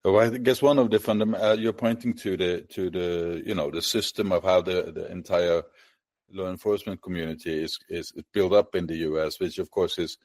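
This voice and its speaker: Casting: Norwegian interviewer, low voice, halting, dry close sound. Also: male voice, fairly even intonation, darkish tone, no room sound. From Norway. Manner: halting, restarts words often. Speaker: host, interviewer. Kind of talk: conversational interview.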